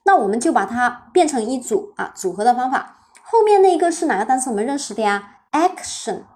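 A woman's voice: a little high, sing-song, a little fast, a little mellow. A woman teaching English vocabulary on a live stream, spelling words letter by letter, asking her students questions and praising them often.

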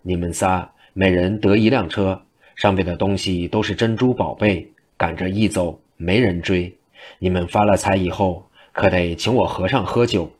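A man's voice: sits low, fairly even intonation, normal speed, slightly rough. A man doing Jigong, a sly joking old monk. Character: playful old male wandering monk, joking. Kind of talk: traditional storytelling.

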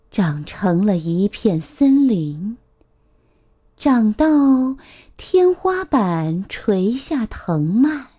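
A woman storyteller reading a picture book aloud to children, gentle and expressive. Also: on the high side. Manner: gentle, expressive, drawn-out phrasing.

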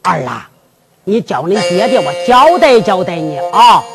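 In a drum-ballad storytelling piece, a woman plays a scheming old father with a Henan accent, speaking slowly and deliberately in a deep, drawn-out elder's voice with vocal fry. She is very animated, scheming and giving instructions in a low voice. The recording has long hall reverb and music.

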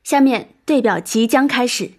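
A woman's voice: on the high side, normal speed, music in the background, natural voice. A woman playing an eager TV co-host who feeds chirpy questions, in an audio drama. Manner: chirpy, asks prompting questions.

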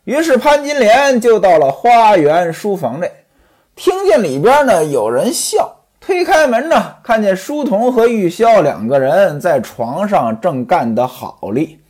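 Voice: medium pitch, sing-song, unhurried, a little mellow. A storyteller retelling a classic novel in a chatty, traditional oral style, stepping out of the tale with asides to the listeners.

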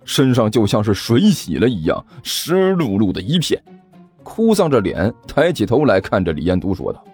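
A man narrating an audiobook in an animated storytelling manner. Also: fairly low pitch, moderate pace, soft background music.

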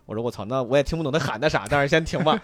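A man in his thirties, a podcast guest, telling a story in a casual, animated way, laughing and swearing freely. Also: mid-range voice, racing.

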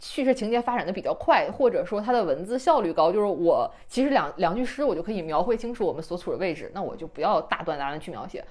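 Lively fast-talking woman. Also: lowish voice. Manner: animated, expressive storyteller. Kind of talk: casual book chat.

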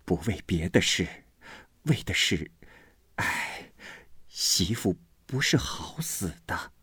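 A man's voice: sits low, lively intonation, slow, sharp tone, slightly rough, no echo, clean studio sound, heavily acted. A man voicing an anxious aging mother. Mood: weary.

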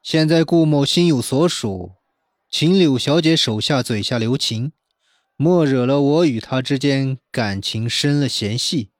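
A man voicing a handsome, cold young man in an audiobook, speaking in a low, measured and stern way. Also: no echo, studio quality, natural voice. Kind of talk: audiobook character voice.

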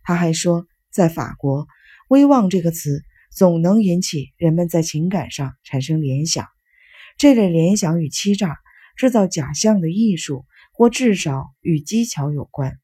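A woman reads a nonfiction text aloud in a low, slightly breathy voice with a mellow, warm tone. She keeps a steady, measured pace, and the recording is close and dry, with no room sound. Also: no room sound. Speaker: audiobook narrator. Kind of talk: scripted nonfiction narration.

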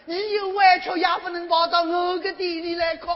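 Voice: extremely high pitch, little pitch movement, brisk, crowd noise. A performer playing a bustling, fussy innkeeper in a Xi opera, speaking in chuckling, exclamatory stage speech while scolding a guest. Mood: teasing. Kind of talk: Xi opera spoken comic dialogue. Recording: dull lo-fi stage recording.

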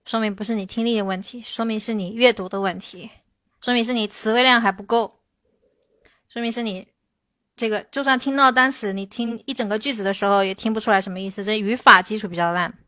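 A woman English teacher answering viewers' questions in a livestream, explaining slowly and stressing her English examples. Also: medium pitch, steady tone, pushed and bright, dry recording. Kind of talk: livestream Q&A lesson.

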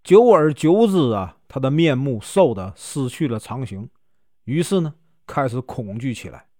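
A man's voice: mid-range voice, no echo, clean studio sound. A man with a Northeastern Mandarin accent narrating a classic tale, stretching phrases with filler particles. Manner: drawn-out filler particles, lively storytelling. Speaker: storyteller. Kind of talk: storytelling narration.

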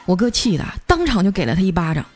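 A woman hosting a comic storytelling show in a chatty, lively manner. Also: on the low side, faint music behind. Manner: lively, chatty, drawn-out particles. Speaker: radio story host.

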